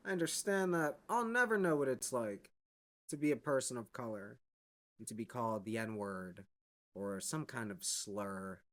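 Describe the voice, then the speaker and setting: A man's voice: mid-range voice, animated, normal speed. A man giving a blunt, profane monologue straight to his viewers, often checking in with "all right?". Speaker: vlogger. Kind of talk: unscripted monologue to camera.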